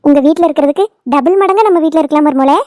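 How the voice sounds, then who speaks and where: A woman's voice: sits high, rapid-fire, darkish tone, no room sound, clean studio sound, natural voice. A woman voicing a fussy, talkative middle-aged mother-in-law in a cartoon, with a coaxing, boastful manner. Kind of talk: cartoon voice acting.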